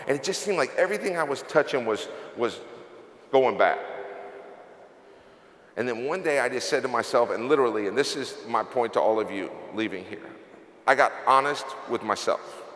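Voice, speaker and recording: A man's voice: mid-range voice, a bit bright. Man, motivational convention speech, confessional, holding back tears, long hall reverb. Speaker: company executive giving closing remarks.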